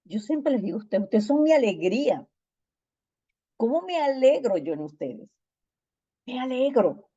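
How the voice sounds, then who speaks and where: A woman's voice: on the high side, big pitch swings, moderate pace, long pauses, mellow, husky, highs cut off. A woman pastor preaching a sermon, emphatic and repeating phrases for stress.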